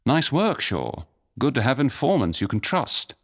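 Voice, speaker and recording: An upbeat field agent, voiced by a man in a fantasy story. He speaks briskly and approvingly. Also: medium pitch, big pitch swings, pitched above the performer's own voice.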